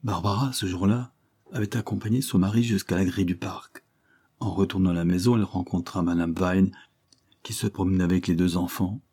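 A man narrating a classic novel as an audiobook, in a steady, even reading. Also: deep voice, fairly quick, slightly rough. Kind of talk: scripted narration.

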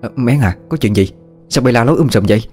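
A man's voice: medium pitch, quick pace, a little mellow, breathy edge, faint music behind, voice pushed up, close to an everyday voice. A man voicing an anxious, caring young woman, urgent and worried.

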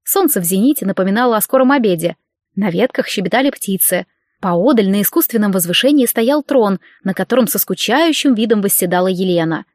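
A woman narrating an audiobook in the first person, with lively, wry storytelling. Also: medium pitch, brisk, no echo, studio quality.

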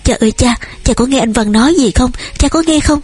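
A woman voicing a headstrong young daughter who shouts back, shrill and tearful, with a husky voice. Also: lively intonation, fast. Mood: sobbing.

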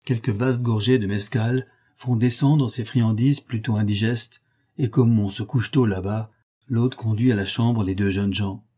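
A man reading a novel aloud as an audiobook narrator, in a measured, descriptive manner. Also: on the low side, fairly even intonation, mellow, husky.

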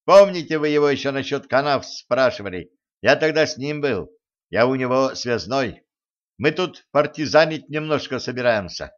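A man voicing an eager teen with a breaking bass. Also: lively intonation, normal speed, lo-fi sound, lightly acted. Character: teenage village boy with breaking bass, eager.

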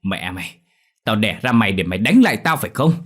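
A man voicing a violent old village father who bellows threats, his speech raised and shouting, in a horror story reading with light music behind. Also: on the low side, very animated, fast, breathy edge. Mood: furious.

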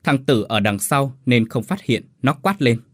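A man narrating a ghost story in a suspenseful, expressive scripted style. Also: mid-range voice, unhurried, dry recording, studio quality.

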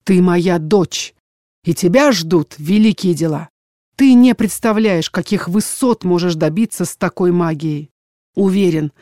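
A woman's voice: lowish voice, warm tone, no room sound, clean studio sound, lightly acted. A woman reading the part of a stern, domineering middle-aged father in an audiobook, speaking in a commanding, cold and dismissive way.

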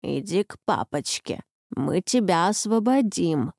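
Sly storybook tomcat, voiced by a woman: low, hushed, wheedling, dry close mic. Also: animated, measured pace, dry recording. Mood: coaxing. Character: sly talking male cat. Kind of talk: audiobook reading.

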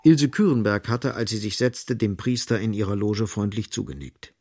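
An actor plays the grave, ironic narrator of a radio play, delivering literary prose in a measured, detached way. His male voice is on the low side and a little mellow, with no echo.

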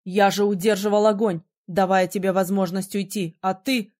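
A woman's voice: mid-range voice, flat delivery, moderate pace, darkish tone, close to an everyday voice. A woman voicing a young male mage prince who is arrogant and hot-tempered, speaking in a curt, commanding way in an audiobook. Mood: angry. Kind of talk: audiobook character voice.

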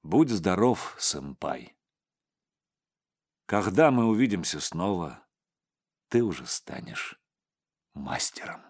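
A man doing a quiet, respectful young student. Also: sits low, very animated, slow pace, pauses often, husky, full character voice. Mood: grateful. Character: grateful young male student.

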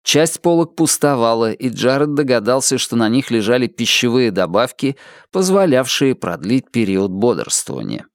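A man narrates an audiobook in a lively, swooping reading voice with an expressive storytelling manner. The recording is dry and close. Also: medium pitch, normal speed, dry recording.

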